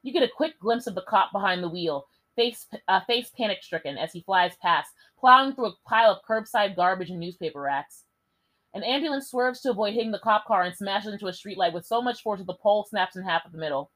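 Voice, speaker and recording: Young woman host, lively reader with foul-mouthed asides. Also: mid-range voice, a little fast, low-quality recording. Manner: lively, swears and jokes between passages. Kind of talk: reading a gamebook aloud.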